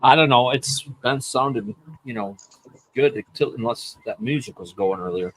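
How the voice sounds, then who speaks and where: A man's voice: medium pitch, moderate pace, fairly bright tone. A man chatting casually on a livestream, chiming in from away from the mic.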